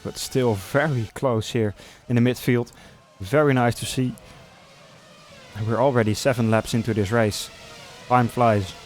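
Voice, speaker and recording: A male motorsport commentator calls sim racing live over background music and engine sounds. His delivery is conversational, with hesitant analysis that can lift into excited play-by-play. His pitch is middling for a man. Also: a little slow.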